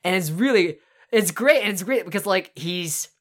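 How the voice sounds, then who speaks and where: A woman's voice: lowish voice, animated, normal speed. A woman co-hosting a casual podcast, retelling scenes at length with lots of fillers and restarts. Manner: rambling, enthusiastic retelling with many fillers and restarts. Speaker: podcast co-host. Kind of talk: casual podcast chat about horror films.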